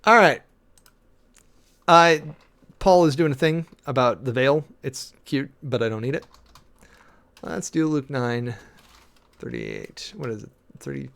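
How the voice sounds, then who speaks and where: Male preacher, creaky gravelly voice, casual rambling sermon-prep talk with fillers. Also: medium pitch, very animated, fairly bright tone. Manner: rambling, thinking aloud with many fillers and restarts; reads and parses Greek text slowly.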